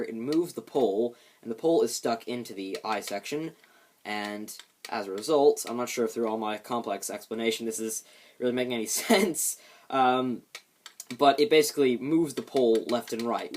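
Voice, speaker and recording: A man's voice: medium pitch, slight background noise. A man giving a casual hands-on demonstration of a homemade build, explaining it with light self-deprecation.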